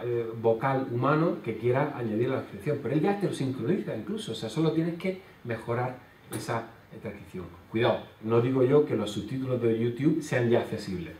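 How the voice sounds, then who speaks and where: Male lecturer, halting explanatory delivery, distant mic in a reverberant hall, faint background noise. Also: mid-range voice, a little mellow. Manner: explanatory, many hesitation fillers. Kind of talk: conference talk. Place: conference hall. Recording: roomy hall sound from far off.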